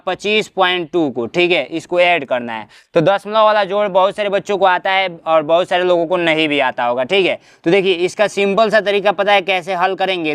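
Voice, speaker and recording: A man teaching a maths lesson for exam prep, walking his students through each step and checking that they follow. His voice sits high and rings clear. The recording is dry and close. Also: a bit bright, no echo. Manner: explains step by step, tag-question fillers.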